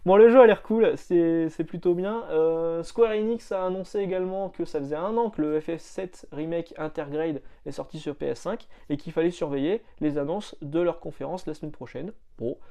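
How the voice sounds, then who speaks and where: Man, comic shop owner, casual chat, gravelly voice, slightly high pitch, rambling with fillers. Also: warm tone. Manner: chatty, rambling with many fillers and restarts.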